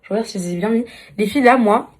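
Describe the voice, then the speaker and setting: A fast-talking woman with a fairly high pitch addresses her followers in a casual vlog. This influencer keeps repeating herself in exasperated venting while chatting her way through a beauty routine.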